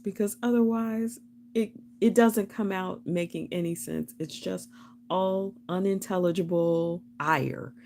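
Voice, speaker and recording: A woman's voice: on the low side, mellow, a little hiss or hum. A young woman hosting a casual live stream, chatting and rambling with frequent laughs.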